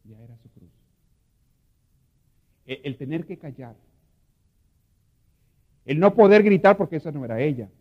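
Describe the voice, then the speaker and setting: Priest preaching in a reverberant church. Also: male voice, fairly high pitch, lively intonation, measured pace, long pauses. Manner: swings from hushed murmurs to loud impassioned pleading. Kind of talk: sermon. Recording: dull lo-fi audio with long hall reverb.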